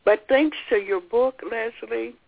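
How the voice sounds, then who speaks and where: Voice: mid-range voice, a little slow, creaky. A guest on a radio interview who talks in a rambling, hesitant way with many restarts. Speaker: call-in guest. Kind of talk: casual radio interview chat. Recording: tinny phone line.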